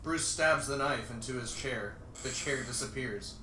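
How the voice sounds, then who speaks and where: Reading a screenplay aloud for laughs on his livestream, a man frequently cracks up with amusement during the dramatic performance. He has a mid-range voice at normal speed, recorded in a roomy space through a distant mic with faint noise.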